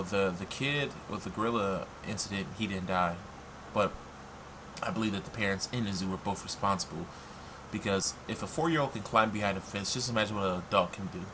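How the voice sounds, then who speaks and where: An American man talking casually and bluntly in an opinion vlog, sometimes swearing. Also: lowish voice. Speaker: online video commentator. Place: warm room at home with fan running. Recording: noisy, loud fan blowing nearby.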